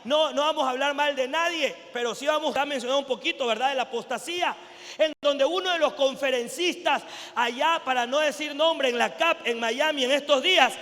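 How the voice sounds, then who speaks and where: A man preaching a fervent sermon, switching between shouted proclamations and quiet, close asides. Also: fairly quick. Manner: swings from shouted proclamation to low intimate asides. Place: church service hall. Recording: echoey church hall with long reverb.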